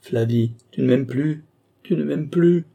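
A male reader doing a jealous young boy from a storybook, pleading and emotional. The voice stays low, dark and husky. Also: fairly even intonation, brisk.

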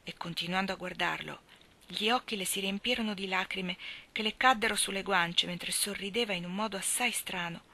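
A woman reading a novel aloud in a measured, expressive way that turns soft on the narration. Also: mid-range voice. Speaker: reader.

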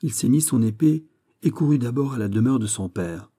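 A man narrating a classic novel as an audiobook in a measured, even way. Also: medium pitch, slightly rough.

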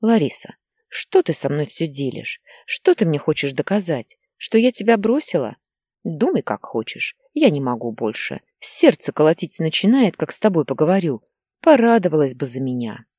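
A woman's voice: deep voice, sing-song, normal speed, mellow, husky, no echo, clean studio sound, exaggerated voice. A woman voicing a doting older mother who speaks in a soothing, pleading way, in an audiobook story.

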